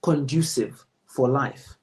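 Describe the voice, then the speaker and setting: Measured man coaching a speaker. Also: medium pitch, darkish tone, poor audio. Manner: measured, emphatic, deliberate. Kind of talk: spoken feedback to a presenter.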